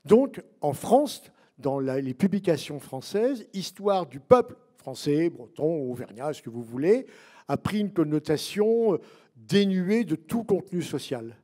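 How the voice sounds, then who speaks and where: Guy talking about his book to an audience, wanders off on asides, lots of um's, kinda high, mellow tone. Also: very animated, unhurried. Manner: digressive, wry asides, many fillers. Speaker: book author at a talk. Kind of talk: public talk answering questions.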